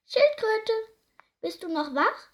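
A tiny storybook mouse pipes up in a squeaky, very high voice, voiced by a woman reading the tale. The voice is eager, bright, and much higher than a normal speaking voice. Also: big pitch swings, slow, exaggerated voice. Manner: squeaky and piping.

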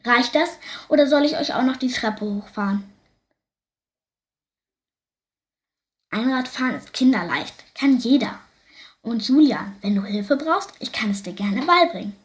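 A stubborn little girl who bristles and snaps back, her voice pitched high and bright, as a woman reader puts her on. She speaks with cocky defiance in a storybook tale. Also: animated, moderate pace, lightly acted. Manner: defiant, snapping. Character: stubborn proud young girl.

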